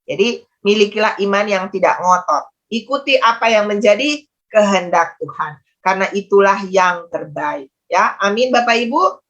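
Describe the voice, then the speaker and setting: Woman pastor, sermon, higher voice, storytelling, calls for responses. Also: pushed and bright, dull audio. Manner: storytelling, asks the congregation to respond; preaches with frequent ya and Bapak Ibu. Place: church streamed online.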